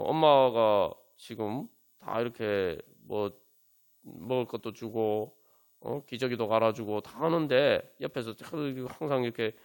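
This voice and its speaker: A man's voice: medium pitch, smooth. A man pastor preaching at a Friday prayer meeting in church, asking many rhetorical questions and using frequent fillers.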